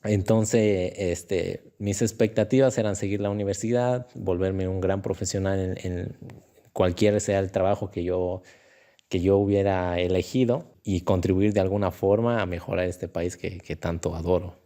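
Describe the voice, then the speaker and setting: A young man tells stories in a relaxed interview. His voice sits lowish and mellow, and he laughs as he acts out the voices of the people in his stories. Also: moderate pace. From Ecuador. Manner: animated storyteller who acts out voices and laughs often. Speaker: interview guest. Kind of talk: casual storytelling interview.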